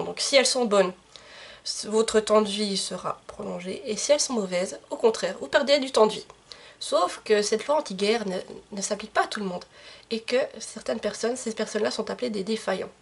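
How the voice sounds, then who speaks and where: A woman book vlogger talks casually to her camcorder, presenting her reading plans. Her voice is husky and a little breathy, at an ordinary middle pitch. She often pauses on fillers and corrects herself mid-sentence. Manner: chatty, frequent fillers and self-corrections. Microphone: camcorder microphone.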